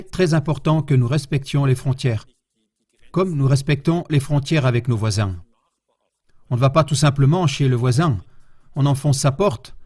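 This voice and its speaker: A man giving a public lecture as a historian, speaking in a measured way and putting rhetorical questions to his audience. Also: mid-range voice, warm tone.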